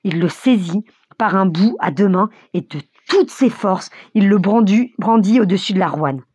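A woman narrating a novel aloud as an audiobook, with vivid, expressive storytelling and a husky voice. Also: mid-range voice, normal speed, dry recording.

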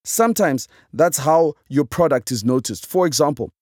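A man's voice: a little high, lively intonation, normal speed, no echo. Zimbabwean man, reads his own motivational book, reflective and preacher-like, morning voice, very dry close sound. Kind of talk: inspirational book reading.

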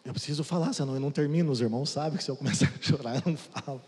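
A man's voice: a little high, racing. Emotional man preaching in an echoing hall. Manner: emotional, swings loud and soft, says "cara" and "irmãos" often. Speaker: preacher giving testimony. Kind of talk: testimony sermon. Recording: long hall reverb.

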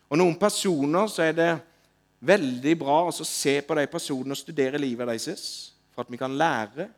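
A man preaching a sermon, telling stories in a lively way that rises to loud calls and drops to soft asides. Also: fairly high pitch, vocal fry. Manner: animated, rising to loud calls when retelling. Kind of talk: sermon with storytelling.

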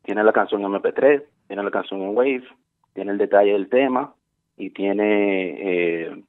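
Un hombre que llama a un programa de radio y da consejos en tono serio y explicativo, repitiendo palabras y metiendo frases en inglés, oído por una línea telefónica. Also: male voice, lowish voice, unhurried. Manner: earnest, explanatory, repeats words, mixes in English phrases. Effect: heard through a phone line. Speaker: radio show caller. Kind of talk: explaining advice on air as a caller. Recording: tinny phone line.

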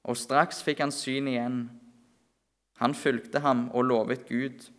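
A man preaching an earnest sermon at a church meeting, often slowing and softening his voice for emphasis. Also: medium pitch, level tone.

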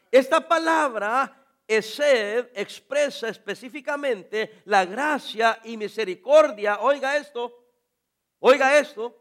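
A male pastor delivering a sermon with a strikingly high voice. He speaks straight to his congregation, firing questions at them and now and then breaking into loud shouts. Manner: animated preaching, addresses congregation directly, sudden shouts.

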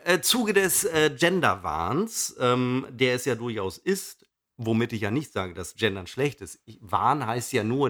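Excitable, rambling male co-host with a mid-pitched voice. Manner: rambling, excitable, laughs often, loses his thread. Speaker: podcast co-host. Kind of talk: casual chat.

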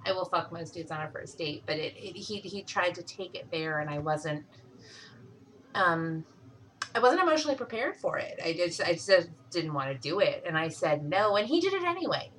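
A woman's voice: on the low side, big pitch swings, normal speed, slight background noise, poor audio. A young adult woman speaking candidly and bluntly in casual conversation, swearing freely as she tells her own story.

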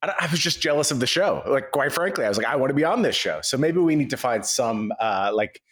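A man chatting as a podcast co-host, recorded on an old microphone in a large high-ceilinged wooden kitchen that makes him sound echoey. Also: animated, fast talker, fairly bright tone, breathy edge. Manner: chatty, playful complaining. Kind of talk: casual podcast chat.

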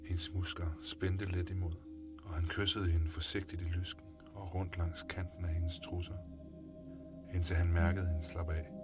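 A man narrating a scripted story in a calm, low-key way. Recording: music playing underneath.

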